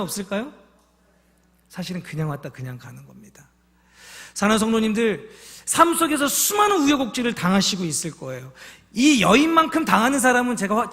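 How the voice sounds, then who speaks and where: A man's voice: extremely high pitch, bright, forceful tone, big-room sound. A man preaching a sermon as a pastor, telling stories with feeling and asking the congregation questions. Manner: emotional storytelling, asks the congregation questions. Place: church sanctuary.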